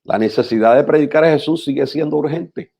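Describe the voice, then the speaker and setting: A man, a pastor teaching preachers in a measured, instructive radio talk who repeats phrases for emphasis. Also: a little high, gravelly, warm tone.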